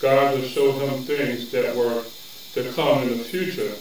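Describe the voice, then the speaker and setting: A man preaching a sermon as bishop, building into a fervent cadence with drawn-out words. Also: medium pitch, steady tone. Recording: echoey distant room with faint noise.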